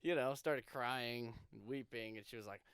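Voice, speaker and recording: A man in his twenties telling stories to friends in a casual chat, animated, laughing and swearing as he goes. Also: mid-range voice, normal speed, clean tone, no echo, studio quality. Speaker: podcast co-host, band member. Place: indoor room with friends at a table.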